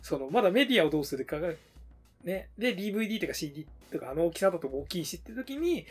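A man's voice: high voice, very animated, racing, breathy edge, faint music behind. A man co-hosting a podcast in casual chat with a friend. He is chatty and often laughs while he talks. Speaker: podcast co-host. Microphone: remote recording.

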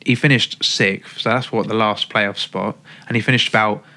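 A man's voice: lowish voice, fairly even intonation, normal speed, bright, forceful tone. A man chatting casually about football on a podcast, hesitant and often restarting. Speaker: podcast guest.

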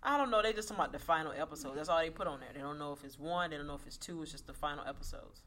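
A woman's voice: low-pitched, rapid-fire, fairly bright tone, a little hiss or hum. A woman co-hosting a casual podcast chat, playful and teasing, laughing often. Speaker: podcast co-host.

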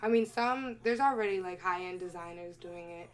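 A young woman appears as a podcast guest in a casual chat, sharing opinions emphatically and laughing often. Her voice is fairly low in pitch and she speaks at a moderate pace.

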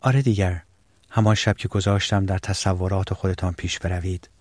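A man voicing a playful, teasing middle-aged woman in an audiobook reading, speaking quickly and lightly. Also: deep voice, steady tone, darkish tone, no room sound.

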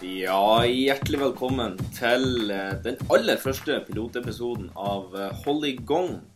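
A man's voice: mid-range voice, music in the background. A man with a North Norwegian accent co-hosting a podcast in casual, dryly joking chat. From Northern Norway. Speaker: podcast co-host.

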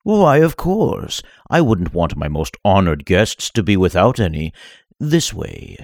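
A man voicing a gracious male dark lord playing host in a story reading, smooth and courtly. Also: sits low, sing-song, measured pace, no echo, clean studio sound, heavily acted.

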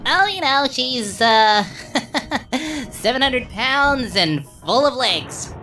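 A man's voice: very high voice, lively intonation, extremely slow, bright, forceful tone, faint music behind, voice pushed up, full character voice. A man voicing a nervous, put-upon coworker chatting at the water cooler in a tabletop game.

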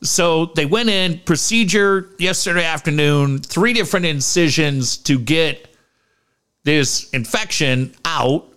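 A man's voice: fairly high pitch, expressive, slow, fairly bright tone, clear, resonant tone. A man co-hosting a casual sports talk show, sounding stuffed up from nose packing, rambling and slangy with some swearing.

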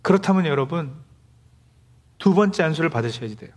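A man with a high voice delivers a sermon in a plain, conversational way. He is middle-aged and preaches as a pastor to his congregation, slipping into acted-out complaints from the people he describes. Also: expressive, a little fast, a little mellow.

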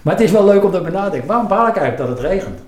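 A man's voice: high-pitched, sing-song, racing, darkish tone. A man, a former club executive, speaking reflectively and hesitantly in a conversation with many fillers. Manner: thoughtful, hesitant, full of fillers and self-questions. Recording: roomy with faint ambience.

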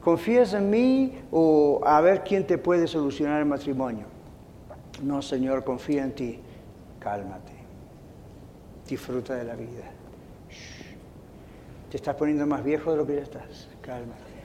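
A man voicing God as a calm, patient male presence who speaks in a low, hushed, soothing tone, with repeated shushing. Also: moderate pace, hardly any pauses, in a large hall, slight background noise, close to an everyday voice.

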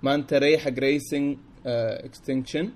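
A man with a Gulf Arabic accent and a medium-pitched voice. He hosts in an informal, chatty way and slips English terms into his sentences. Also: fairly even intonation, moderate pace. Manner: mixes in English words. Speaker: film show host. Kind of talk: casual chat.

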